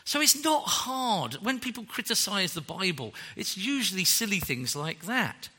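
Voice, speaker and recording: A man preaching a sermon in an animated, joking way that is often broken by laughs. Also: high voice, moderate pace, breathy edge, long reverb tail.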